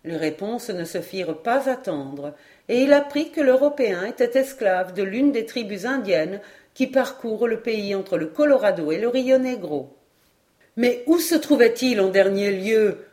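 A woman reads a classic adventure novel aloud in clear, measured narration. She keeps a steady storytelling voice with an even middle pitch. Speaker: audiobook reader.

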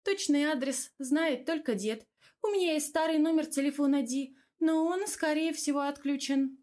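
A woman's voice: high voice, moderate pace, darkish tone, pitched above the performer's own voice, lightly acted. A woman voicing a sly, sarcastic female neighbor with a teasing manner in an audiobook. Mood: mocking. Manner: mocking, teasing.

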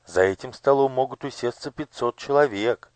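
A timid young girl posing as a page, her voice pitched high and kept anxious and hushed, as a male reader puts her on. It is a storybook voice, recorded dry and close. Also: normal speed, no echo, lightly acted. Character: frightened young girl disguised as a palace page.

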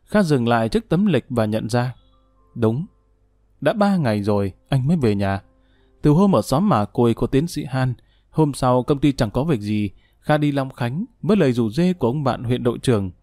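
A man narrating an audiobook in an even, measured reading. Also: medium pitch, dry recording, clean studio sound, faint music behind.

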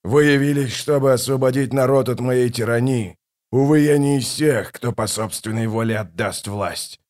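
A man voicing a scornful ancient tyrant king in a dramatized audiobook, contemptuous and rising to furious shouts. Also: medium pitch, moderate pace, natural voice. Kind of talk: audiobook reading with character voices.

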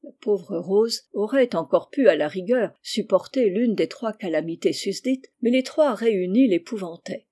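A woman reads a classic children's story aloud in a measured, clear narration. Her voice is warm and mellow, sitting at a middling pitch. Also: animated. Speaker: audiobook narrator.

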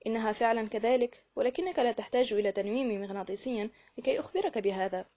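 A woman's voice: on the high side, fast talker, dark tone, lo-fi sound, close to an everyday voice. Woman reading a drowsy, hesitant noble lady. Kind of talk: audiobook character reading.

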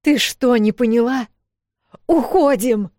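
A woman voicing a forceful young sister who gives sharp, shouted commands. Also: medium pitch, a little fast, no room sound, studio quality, pitched above the performer's own voice, lightly acted. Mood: urgent.

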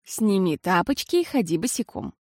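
A woman voicing a patient, tired mother who talks slowly and soothingly. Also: mid-range voice, big pitch swings, a little mellow, dry recording, studio quality. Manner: slow and soothing.

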